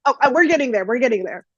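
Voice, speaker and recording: A woman's voice: sits high, lively intonation, quick pace, fairly bright tone, breathy edge, dry recording, lo-fi sound. A woman hosting a podcast, telling a story in a casual, chatty way with lots of fillers. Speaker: podcast host.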